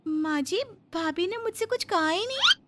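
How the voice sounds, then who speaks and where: A meek young bride, voiced by a woman narrator in a cartoon story. She speaks in a very high, soft voice and pleads timidly. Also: lively intonation, normal speed, loud music behind the voice. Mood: pleading. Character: meek young newlywed daughter-in-law.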